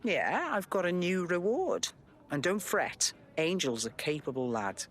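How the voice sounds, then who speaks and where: A woman's voice: fairly low pitch, big pitch swings, unhurried. A woman playing a wry, teasing, worldly informant in a video game, with an unflappable manner.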